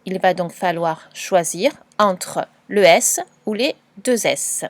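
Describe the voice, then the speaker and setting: A woman teacher giving a patient, clearly spoken dictation lesson to a young pupil, spelling out letters and sounds. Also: lowish voice, slow pace, no room sound. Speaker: primary school teacher.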